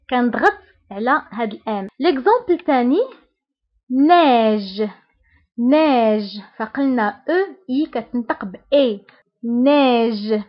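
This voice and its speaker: A woman with a Moroccan Arabic accent and a high voice teaches a beginner French lesson on a lo-fi recording. She's patient, repeating each sound slowly.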